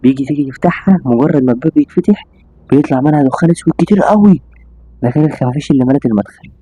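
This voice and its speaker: A man with an Egyptian accent casually telling a spooky story to his listeners, animated and full of exclamations and restarts. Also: fairly high pitch, very fast, no echo. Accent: Egyptian Arabic. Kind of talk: casual spoken storytelling to an audience. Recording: slightly dull audio with faint music.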